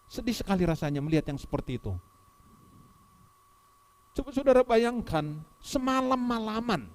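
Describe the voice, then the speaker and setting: High-voiced man preaching a sermon. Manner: emphatic, swings between soft asides and loud exhortation. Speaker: pastor.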